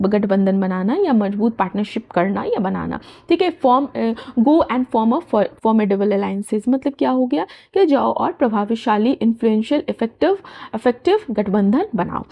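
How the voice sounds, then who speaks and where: A woman teaching English newspaper vocabulary, saying English phrases slowly and explaining them in quick everyday speech, often checking that listeners follow. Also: fairly high pitch, dark tone. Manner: checks understanding with frequent "theek hai". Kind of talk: bilingual vocabulary lesson.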